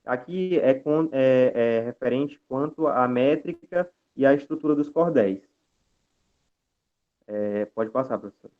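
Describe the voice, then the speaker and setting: A young man with a Brazilian accent lectures over a video call at an ordinary pitch, stopping often on filler sounds and restarting his phrases. His voice comes through thin and tinny, like a phone line. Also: unhurried. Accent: Brazilian Portuguese. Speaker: guest speaker. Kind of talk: online lecture presentation.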